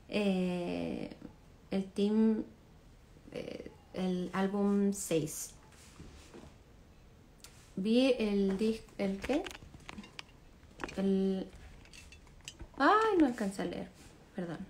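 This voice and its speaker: Relaxed woman in her thirties, dark mellow tone, loose chatty delivery on a home phone livestream. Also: mid-range voice, a little hiss or hum. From Chile. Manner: relaxed, chatty, laughs often, trails off with fillers. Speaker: singer answering fans on a livestream. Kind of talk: casual chat reading comments. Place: living room indoors. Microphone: phone camera at arm's length.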